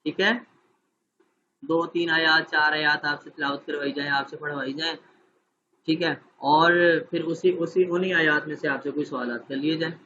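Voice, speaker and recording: A man's voice: a little high, fairly even intonation, sharp tone, muffled recording, slight background noise. A man training teachers in an online class, explaining steps patiently and often checking that his listeners follow.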